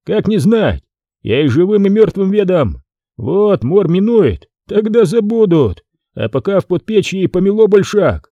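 A male narrator voicing Foma, a gruff, fearless plague-cart driver who talks in rough, mocking folk speech. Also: high voice, big pitch swings, unhurried, no room sound, muffled recording, pitched above the performer's own voice, exaggerated voice.

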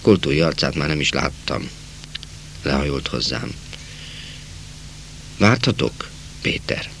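A man narrating a literary novel in a measured reading voice, slowing down for quiet passages. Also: very deep voice, fairly even intonation, vocal fry, slight background noise. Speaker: audiobook narrator.

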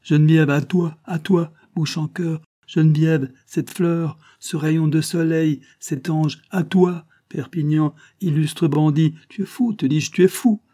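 A man voicing a defiant old male woodsman in an audiobook, speaking loudly and indignantly with a husky voice. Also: mid-range voice, normal speed, lightly acted. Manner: loud, indignant, rising to shouts.

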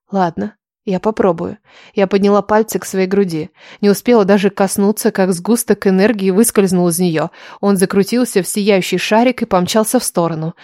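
Woman, audiobook narration, even and reflective, dry close sound. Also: mid-range voice, dry recording. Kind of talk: first-person audiobook narration.

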